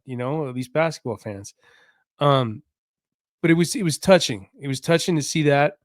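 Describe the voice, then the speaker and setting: A man's voice: a little high, no room sound, clean studio sound. A man hosting a casual solo sports podcast, talking in a loose, rambling way with lots of fillers and restarts.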